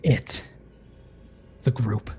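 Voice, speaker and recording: A man's voice: extremely slow, darkish tone. A man voicing a frightened woman contact who whispers and hisses urgently over the phone. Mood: pleading, urgent.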